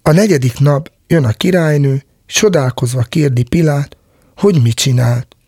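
A man tells an old folk tale in a gravelly, husky voice. He narrates as a storyteller and now and then slips into a whisper. The sound is close and dry, with no room around it. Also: on the high side, warm tone, no room sound.

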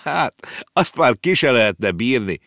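A man's voice: mid-range voice, sing-song, fairly bright tone, no echo, clean studio sound, voice pushed up. A man voicing a sensible, blunt young boy in an audiobook reading.

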